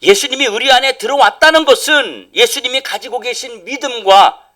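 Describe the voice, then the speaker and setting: A middle-aged male pastor preaching a sermon, swinging from loud emphatic lines down to near whispers. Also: extremely high pitch, moderate pace. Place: church sanctuary.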